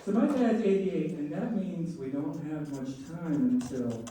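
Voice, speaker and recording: A middle-aged man delivers a stand-up set in setups and punchlines, leaving pauses as the audience laughs. His voice is slightly high and soft-edged rather than bright. It comes from a distance in a very reverberant live room. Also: some chatter behind. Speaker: stand-up comedian. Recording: roomy echoing live venue, distant mic, faint noise.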